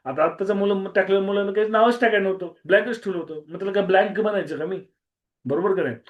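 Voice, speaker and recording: A slightly hoarse man with a Marathi accent, teaching a strict online maths class over a video call and repeating key words, with some English mixed in. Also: high-pitched, fast. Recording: muffled video-call audio.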